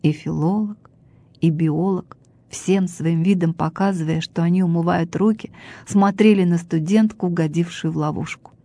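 Mellow-voiced woman narrating a story. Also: fairly low pitch, steady tone, moderate pace, dry recording.

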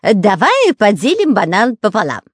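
A reader voicing a touchy, boastful long-nosed male spy in a storybook reading, with a whiny, excitable manner. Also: medium pitch, moderate pace, breathy edge, dry recording, studio quality, pitched above the performer's own voice, full character voice. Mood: squabbling.

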